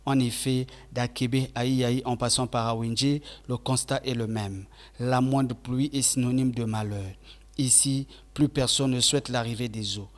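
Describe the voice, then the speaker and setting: A male reporter reading a scripted television news voice-over in a formal, measured way. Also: medium pitch, fairly even intonation.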